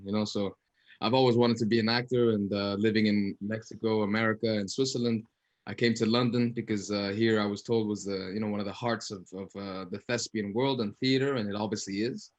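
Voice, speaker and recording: During a post-show Q&A, an actor answers as an interview guest, earnest and emphatic, frequently repeating phrases while he reflects. He has a fairly low, steady voice and speaks a little fast.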